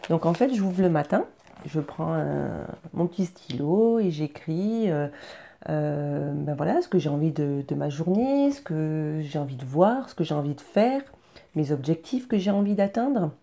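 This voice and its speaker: A woman speaks in a low, very dark and mellow voice. She talks to her viewers in an earnest, encouraging way. She often pauses on fillers and starts her sentences over. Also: creaky. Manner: hesitant, many fillers and restarts. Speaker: vlogger sharing personal routines. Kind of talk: casual personal vlog.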